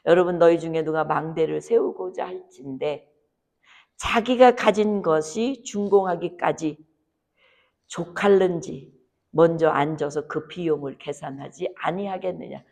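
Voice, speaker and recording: Woman preacher, sermon in church; hushed asides that surge into loud impassioned appeals. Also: unhurried, creaky. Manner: rises to loud, high impassioned pleading, drops to near whisper. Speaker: pastor. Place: church sanctuary.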